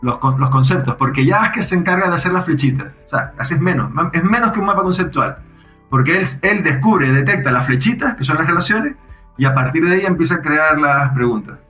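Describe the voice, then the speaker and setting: A man casually explaining how his software works, thinking aloud with frequent restarts. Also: fairly high pitch, animated, fairly quick, echoey room, faint music behind. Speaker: software developer guest.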